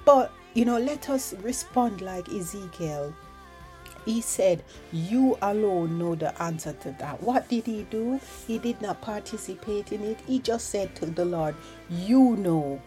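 A woman recovering from flu, her voice a bit low, gives an informal, earnest devotional talk with prayer as a podcast host, unhurried and conversational. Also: warm tone.

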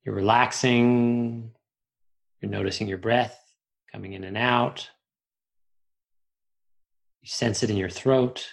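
A man slowly guiding a relaxation meditation, giving soothing instructions with long pauses. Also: mid-range voice, steady tone, gravelly. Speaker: meditation guide.

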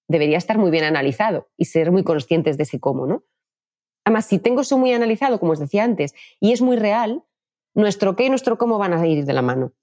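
Brief: lower-voiced woman, communication coach, quick explanatory delivery, dry close sound. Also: a little mellow, no echo. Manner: fast-talking, explanatory. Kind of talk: interview answers.

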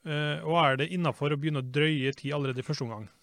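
A man hosting a podcast, relaying listeners' questions in a brisk, plain way. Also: a little high, fairly even intonation, creaky, fairly bright tone, no room sound.

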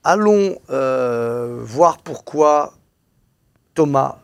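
A man's voice: mid-range voice, animated, drawn-out words, creaky, smooth. A man hosting a casual panel chat, playful and teasing as he runs the segments. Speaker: podcast host.

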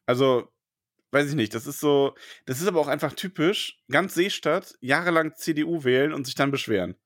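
A man's voice: fairly high pitch, brisk, no echo, studio quality. A man in casual podcast chat, hesitant, with many fillers and restarts. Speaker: podcast co-host discussing a book.

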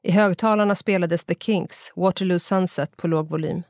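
Measured audiobook narrator. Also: mid-range voice, fairly even intonation, no room sound, studio quality. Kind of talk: scripted narration.

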